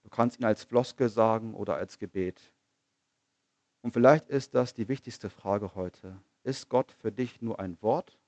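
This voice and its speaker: A man preaching a sermon in an earnest manner, asking rhetorical questions, repeating phrases and slowing down on key lines. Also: on the low side, a little mellow, no echo.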